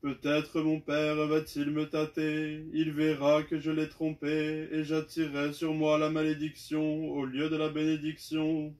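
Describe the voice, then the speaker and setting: A man reading the lines of an anxious, deceitful younger son in a slow, flat liturgical reading. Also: a little high, lightly acted. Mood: worried.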